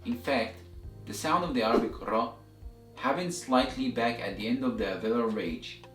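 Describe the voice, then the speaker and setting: Man teaching a language lesson, roomy echo. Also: mid-range voice. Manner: methodical, repeats examples slowly for learners. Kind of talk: instructional lesson, step-by-step explanation. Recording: roomy echo, distant mic, music behind.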